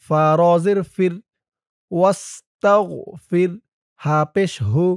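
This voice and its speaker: A man teaching Quran reading, spelling each word out letter by letter and then reciting it in a slow, drawn-out melodic chant. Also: sits high, fairly even intonation, dry recording, clean studio sound. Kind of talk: spelling out and slowly reciting a short surah.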